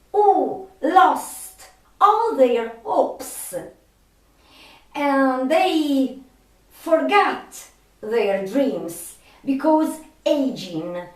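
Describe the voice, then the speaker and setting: A high-pitched woman, a video host, speaks very slowly, halting with long pauses and frequent hesitations. She gives informal explanatory commentary, retelling film dialogue. The recording sounds echoey, with a distant microphone.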